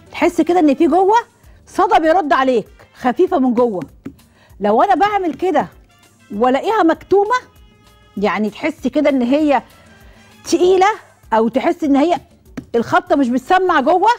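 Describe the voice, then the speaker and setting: A woman's voice: sits high, lively intonation, moderate pace, pauses often, a little mellow, faint music behind. A middle-aged woman with an Egyptian accent hosts a cooking show, demonstrating with a watermelon and asking the viewers questions she answers herself. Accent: Egyptian Arabic.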